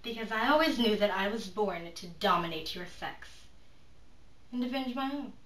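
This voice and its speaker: An actress performs a proud, calculating noblewoman in a dramatic monologue. Her voice is bright and forceful, and she weighs each phrase with pauses and sudden hushed drops. The recording is echoey and set back from the microphone. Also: medium pitch, lively intonation, natural voice. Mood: proud, controlled. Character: proud, calculating aristocratic woman, cunning and defiant. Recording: roomy echo, distant microphone.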